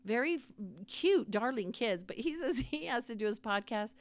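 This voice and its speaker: A woman's voice: a little high, lively intonation, normal speed. A middle-aged woman co-hosting a podcast, chatting casually and repeating her praise. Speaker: podcast co-host. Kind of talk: casual chat recap.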